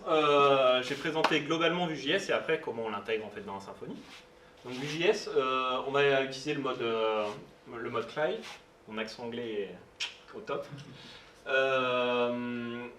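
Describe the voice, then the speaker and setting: A man presents a technical talk to a live meetup audience, pausing often and filling gaps as he goes. He is heard from a distance in a roomy space, with a faint hiss underneath. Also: mid-range voice, fairly bright tone. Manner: hesitant, many fillers, informal asides. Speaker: meetup speaker. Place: meetup room. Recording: roomy sound, distant mic, faint noise.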